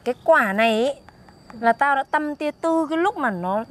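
A woman with a husky voice in comedic banter, boastful and quick to argue back. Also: high voice, lively intonation, a bit bright. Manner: boastful, defensive, argumentative.

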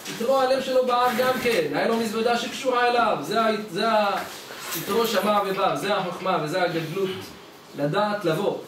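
A rabbi teaching a Torah lesson through stories, slipping into the voices of the people in them. His voice sits fairly high. He sounds echoey and set back from the mic, with a faint noise underneath. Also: far from the mic. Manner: acts out dialogue in his stories with changing voices.

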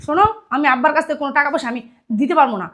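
A woman's voice: rapid-fire, a bit bright. An actress playing a fed-up young wife who scolds her jobless husband. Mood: exasperated. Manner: shrill, exasperated scolding.

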